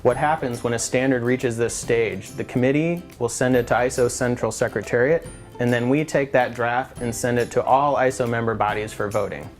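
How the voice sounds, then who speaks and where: Casting: male expert presenter, average pitch, patiently walking a listener through a process conversationally, soft music underneath. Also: fairly even intonation, moderate pace. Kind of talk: semi-scripted explanatory dialogue.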